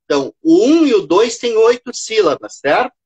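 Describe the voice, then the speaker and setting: A woman's voice: fairly high pitch, very animated, normal speed, a little mellow, breathy edge. A woman from Brazil leading a live teaching session for teachers, patient, checking in often and counting syllables aloud. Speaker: teacher presenting a workshop for teachers.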